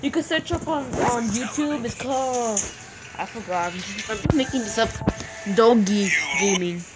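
A young-sounding female-pitched gamer giving casual, excitable gameplay commentary, with difficulty saying R sounds. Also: measured pace, heavy background noise. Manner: excitable, exclaims and mutters to self. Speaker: gaming video maker. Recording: game music behind the voice. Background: game music.

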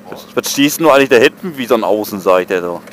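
A man's voice: fairly low pitch, lively intonation, fast talker. A man chatting casually as he rides a motorbike, talking into a helmet mic. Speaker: motovlogger. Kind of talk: casual chat while riding. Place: outdoors on a motorbike in city traffic. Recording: faint engine and traffic noise.

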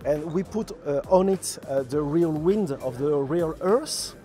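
Hesitant man with a mellow voice. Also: a little high, lively intonation, a little slow, faint music behind. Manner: hesitant, many fillers, careful non-native phrasing. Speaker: interviewee. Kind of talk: interview answers. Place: indoor exhibition hall.

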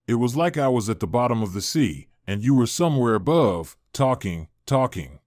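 A man's voice: mid-range voice, sing-song, normal speed, darkish tone, dry recording, clean studio sound, close to an everyday voice. A man reading the part of a young woman just out of a coma, speaking in a slightly raised, emotional and weary voice. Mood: tearful.

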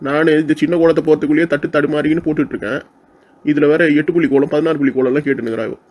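Insolent, quick-mouthed younger sister, mocking and combative, a man plays her. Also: a little high, steady tone, a little mellow, lightly acted. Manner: mocking, insolent, picks fights. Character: sharp-tongued cheeky young woman, the younger sister. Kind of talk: comic village skit acting.

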